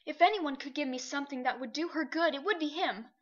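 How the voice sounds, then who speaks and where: Woman doing an earnest boy, high, urgent and pleading. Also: quick pace, fairly bright tone. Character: earnest determined young boy. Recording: dull lo-fi recording.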